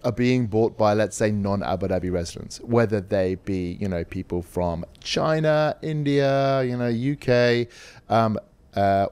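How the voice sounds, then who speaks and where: A man co-hosting a casual podcast chat on property markets, speaking in a measured way and thinking aloud with hesitations. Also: mid-range voice, darkish tone, clean tone, dry recording.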